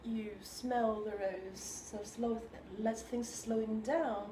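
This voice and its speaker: A woman talks through her ideas slowly and carefully, pausing often to find the right word. Her voice carries the echo of a roomy space, with a steady hiss of background noise. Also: a little high. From China. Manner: thoughtful and halting, searching for words. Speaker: composer, interview guest. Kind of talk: reflective conversation. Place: room in New York.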